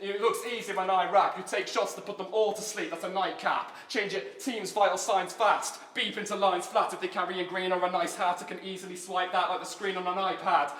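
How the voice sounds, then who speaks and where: A man spits a crude, insulting battle rap verse. His voice sits high and sharp. The recording is roomy and echoing. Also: steady tone, a little fast, hardly any pauses. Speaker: battle rapper. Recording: roomy and noisy live venue.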